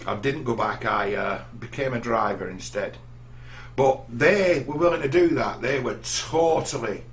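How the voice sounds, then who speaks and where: A man's voice: lowish voice, vocal fry, sharp tone. A middle-aged man from England telling rambling personal stories in a casual monologue, often restarting his sentences. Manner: rambling, anecdotal, frequent restarts. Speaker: vlogger.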